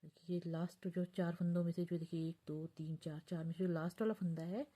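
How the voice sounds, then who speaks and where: Woman, knitting teacher, patient step-by-step instruction, counts stitches aloud, soft near-whisper at times, very warm mellow tone, husky. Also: fairly low pitch, fairly even intonation, brisk.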